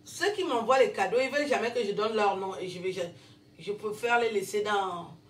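A woman's voice: medium pitch, brisk, far from the mic. A woman vlogging casually as she opens gifts, exclaiming often and thanking over and over. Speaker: vlogger and comedian. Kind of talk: casual unboxing vlog. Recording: roomy echo, voice away from the mic.

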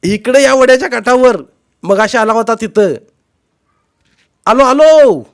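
A man voicing a gruff middle-aged village uncle in a spoken storybook, shouting orders across a stream. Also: mid-range voice, very animated, moderate pace, close to an everyday voice. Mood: commanding. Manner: loud, commanding calls.

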